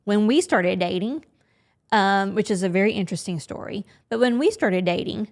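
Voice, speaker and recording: A woman's voice: mid-range voice, normal speed, darkish tone. Frank, chatty woman co-hosting a podcast. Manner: frank, chatty, thinking aloud with quoted inner thoughts. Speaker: podcast co-host. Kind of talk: candid conversational podcast chat.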